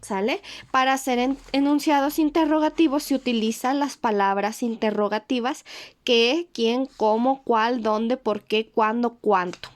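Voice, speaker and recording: A woman with a Mexican accent, a teacher patiently walking pupils through a homework sheet, slowing down on key words and checking in often. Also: a little high, steady tone. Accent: Mexican Spanish. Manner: slows down to stress key words.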